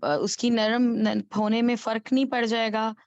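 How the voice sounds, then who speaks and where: A woman student asking a hesitant question in an online class, with pauses and restarts, heard over a video call. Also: on the high side, level tone, no room sound, lo-fi sound.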